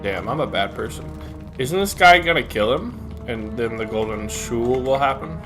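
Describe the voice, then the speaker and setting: A man's voice: mid-range voice, lively intonation, normal speed. Rambling profane young male streamer. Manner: rambling, profane, many fillers. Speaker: game streamer. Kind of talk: casual live-stream commentary. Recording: stream audio with game music. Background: game music.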